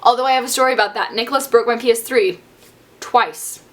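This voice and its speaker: A woman's voice: on the high side, fairly quick, a bit bright. A young adult woman, a beauty vlogger, answering viewer questions in a bubbly, chatty and playful way. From Southern US. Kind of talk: casual Q&A vlog.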